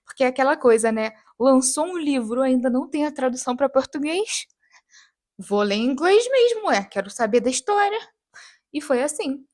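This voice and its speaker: A woman's voice: high-pitched, expressive, moderate pace. A young Brazilian woman, an English teacher, chatting casually and playfully about how she learned English. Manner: chatty and playful, acts out English lines loudly. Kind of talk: casual vlog monologue.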